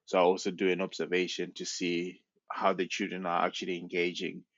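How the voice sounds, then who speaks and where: A man's voice: deep voice, completely flat delivery, a little fast, a bit bright, no room sound. A young man, a researcher being interviewed on a podcast, explaining his work in a hesitant way with many restarts. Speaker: PhD researcher guest. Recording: dull, dry sound.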